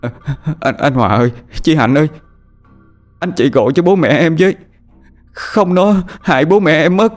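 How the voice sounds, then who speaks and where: A man's voice: mid-range voice, very animated, fairly quick, long pauses, faint music behind, voice pushed up. A man doing a frantic possessed young man. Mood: sobbing plea. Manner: frantic shouting, pleading in sobs.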